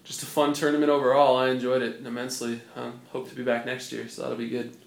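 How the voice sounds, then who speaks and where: A man's voice: medium pitch, level tone, fast talker, gravelly. A young man co-hosting a casual sports podcast, with a dry, wry sense of humor. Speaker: podcast co-host. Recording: echoey room.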